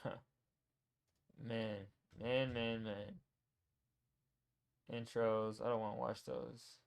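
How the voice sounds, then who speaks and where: A man's voice: mid-range voice, little pitch movement, slow pace, creaky, clear, resonant tone. A young man casually reacting to his own old videos, teasing and talking to himself. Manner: wry, teasing, talks to himself.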